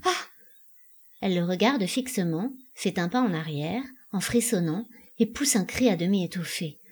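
Husky woman reading stage directions, even and calm. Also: lowish voice. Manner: even, unhurried narration. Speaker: audiobook reader.

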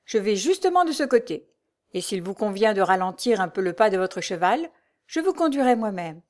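A woman voicing a scheming Paris swindler who flatters with ingratiating politeness. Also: medium pitch, normal speed, close to an everyday voice. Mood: obliging. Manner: ingratiating, obsequious. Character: scheming smooth-talking Paris swindler, middle-aged man.

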